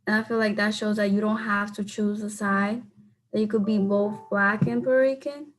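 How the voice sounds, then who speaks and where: A woman's voice: medium pitch, fairly even intonation, normal speed, slight background noise, rough recording. Earnest young woman giving a class speech. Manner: earnest, leans heavily on "like" when speaking off the cuff. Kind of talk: class speech and answering questions.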